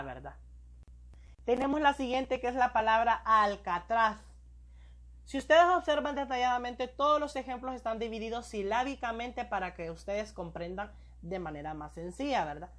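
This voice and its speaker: A woman teaching a recorded grammar lesson, speaking slowly and clearly, putting questions to the viewer and answering them herself. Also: on the high side, a bit bright.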